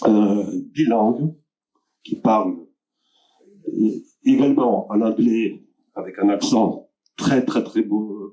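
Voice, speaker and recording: A man hosting a literary evening, introducing the speakers in a halting way, with many filler sounds and restarts. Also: lowish voice, warm tone. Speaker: event host introducing speakers. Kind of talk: hesitant spoken introduction. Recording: dull lo-fi room recording.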